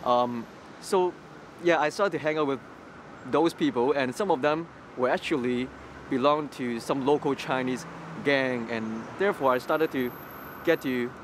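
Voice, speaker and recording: A young Cantonese-speaking man from Hong Kong, with a mid-range voice at normal speed, is a guest in a personal testimony interview. He tells his story beside a graffiti wall on a city street, restarting often and repeating words, as traffic and street noise fill the background.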